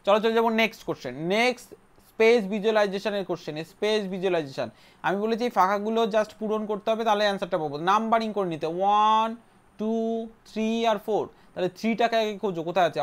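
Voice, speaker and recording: A man teaching an entrance-exam prep lesson, briskly counting items aloud and repeating each answer. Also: high-pitched.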